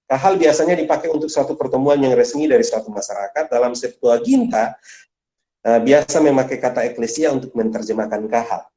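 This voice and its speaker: A man giving a Bible study lesson, explaining word by word, often adding a questioning "ya" and stressing key words with a sharp rise in pitch. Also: echoey room. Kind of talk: church teaching session.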